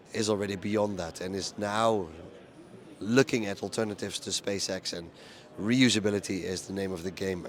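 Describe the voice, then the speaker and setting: An event reporter recaps a conference casually to camera for his video channel, speaking plainly and steadily in a low, hoarse voice with frequent ums and uhs. The rasp of a lost voice persists through every line.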